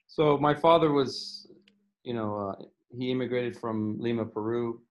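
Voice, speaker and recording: A soccer coach from Miami, Florida answers interview questions thoughtfully in a mid-range voice at a measured pace. He restarts often and uses frequent fillers.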